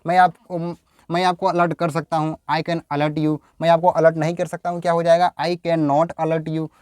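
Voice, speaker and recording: A man teaching English grammar to Hindi-speaking students, with a smooth, clear voice pitched a little high. He keeps asking rhetorical questions and repeats each word several times. The recording is dry and close. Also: little pitch movement, moderate pace, darkish tone, no echo. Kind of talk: Hindi-language grammar lesson.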